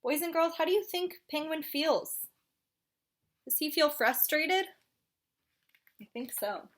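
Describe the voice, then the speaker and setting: A woman reads a picture book to small children as a teacher would. She speaks slowly with a lively, varied pitch, coaxing them with simple questions like a kids show host. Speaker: teacher reading to young children. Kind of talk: interactive storybook read-aloud.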